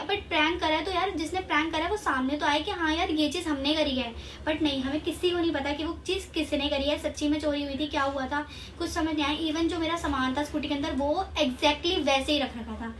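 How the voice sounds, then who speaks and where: A woman's voice: sits high, slight background noise. A young woman vlogger telling a story casually to camera, often saying "theek hai" and mixing in English words.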